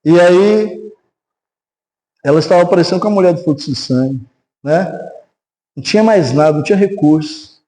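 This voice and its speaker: A man's voice: high voice, moderate pace, pauses often, low-quality recording. A man with a Brazilian Portuguese accent, a pastor preaching a sermon in a church, telling a testimony with acted-out voices and leading a prayer. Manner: animated storytelling, acts out quoted voices. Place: church sanctuary.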